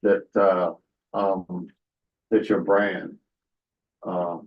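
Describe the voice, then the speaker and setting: A man's voice: low voice, level tone, drawn-out words, muffled recording. A man on a community board asking hesitant, probing questions at a meeting.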